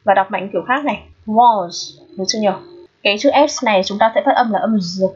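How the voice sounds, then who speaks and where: A woman teaching an English pronunciation lesson. She explains patiently and keeps checking in with her students through quick questions. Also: medium pitch, breathy edge. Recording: dull lo-fi recording.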